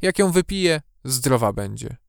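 A man reading a storybook who voices a mysterious fortune-teller woman, calm and kindly, giving soothing, reassuring instructions in a clear, smooth voice. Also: mid-range voice, unhurried, no room sound, clean studio sound.

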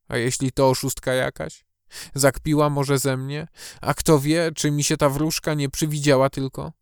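A poor, god-fearing village mother, as a male storyteller puts her on, fretful and full of worried questions. The voice stays clear and smooth at a mid pitch, recorded close and dry. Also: no room sound, lightly acted. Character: poor, anxious, devout mother fearing for her sick daughter.

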